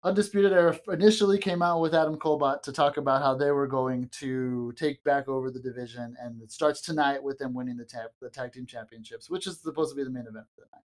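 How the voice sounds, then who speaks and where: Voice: medium pitch, steady tone, quick pace, few pauses. Co-host recording inside a small closet, casual rambling wrestling recap, loose and chatty. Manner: loose and rambling, with frequent fillers and laughs. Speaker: podcast co-host. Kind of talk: casual wrestling show review chat.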